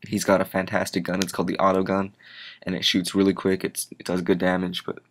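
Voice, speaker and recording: A man's voice: low voice, completely flat delivery, fast, a little hiss or hum. A tired young man giving casual gameplay commentary, rambling and drifting off on tangents. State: tired, yawning. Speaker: gaming channel host.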